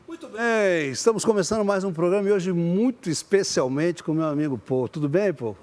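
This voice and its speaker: A man's voice: sits high, fairly quick, over loud music. A man with a Brazilian Portuguese accent hosting a talk show with jokey, theatrical banter.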